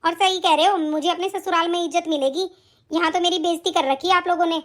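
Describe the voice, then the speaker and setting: A stubborn, spoiled young married daughter, voiced by a woman in an animated story. Her voice sits very high, and she argues back with scorn and defiance. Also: quick pace. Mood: scornful.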